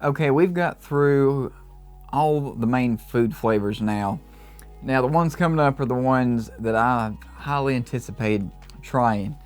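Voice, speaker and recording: A man giving an enthusiastic, casual review of low-carb snacks, reacting as he tastes them. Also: unhurried, soft background music. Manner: upbeat, enthusiastic tasting reactions. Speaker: food reviewer. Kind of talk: casual product review vlog.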